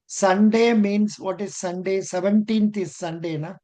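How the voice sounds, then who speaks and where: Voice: medium pitch, fairly even intonation, measured pace, darkish tone. Older indian-accented interview coach, encouraging, says things twice, giving mock feedback. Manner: encouraging, repeats phrases.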